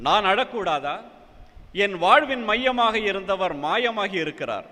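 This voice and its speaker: A man's voice: high voice, very animated, a little slow, bright, forceful tone, voice pushed up, heavily acted. A man voicing a grieving woman who laments at an empty tomb, in a church hall. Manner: lamenting, rhetorical.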